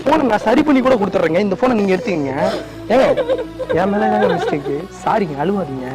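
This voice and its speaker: A man's voice: sits high, lively intonation, fast talker. A man hosting a prank video, coaxing and apologizing over and over with nervous laughs. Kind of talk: casual pleading apology. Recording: loud background music.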